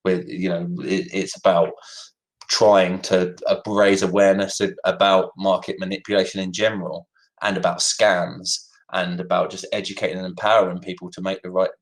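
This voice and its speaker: A man in a casual voice chat Q&A, talking in a halting way with many restarts and repeated words. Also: low voice, little pitch movement, poor audio. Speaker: community team member on a crypto project voice chat.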